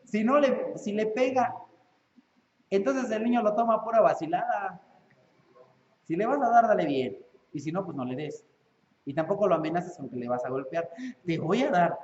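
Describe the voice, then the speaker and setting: Animated Mexican pastor in an echoey hall. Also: male voice, high-pitched. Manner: animated, acts out parents and children in quick voices. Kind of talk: sermon. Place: church. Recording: echoey lo-fi church hall recording.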